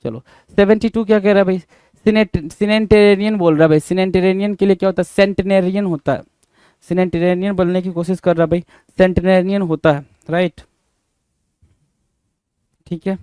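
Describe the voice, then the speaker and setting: A man's voice: sits high, steady tone, brisk, long pauses, warm tone, smooth, no echo. A man teaching a spelling lesson, spelling words out letter by letter and repeating each point, with an Indian accent. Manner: often adds "bhai" to address viewers. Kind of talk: spelling lesson, checking answers.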